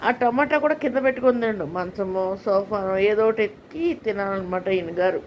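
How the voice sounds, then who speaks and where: A woman's voice: brisk, dull audio. Woman pet owner, casual home vlog, coaxing and scolding, background hiss. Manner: coaxing and scolding a pet, often rising high. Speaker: pet owner filming her dog. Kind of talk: casual home video narration. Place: home indoors.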